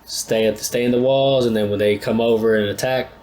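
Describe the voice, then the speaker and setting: A man's voice: medium pitch, steady tone, a little fast, darkish tone, a little hiss or hum. A man hosting an anime reaction channel, talking casually and thinking aloud in a rambling, laid-back way with many restarts.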